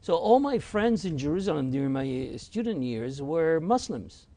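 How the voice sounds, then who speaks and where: A man from Argentina whose first language is French, a rabbi recounting his experiences at an unhurried pace as an interview guest. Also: a little high, very animated, warm tone. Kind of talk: reflective storytelling.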